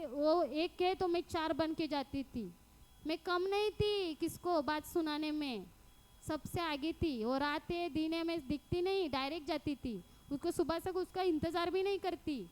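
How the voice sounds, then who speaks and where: High-voiced woman giving a lively testimony. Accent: Mumbai Hindi. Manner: animated storytelling, acting out her own past words. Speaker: church member giving testimony. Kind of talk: personal testimony.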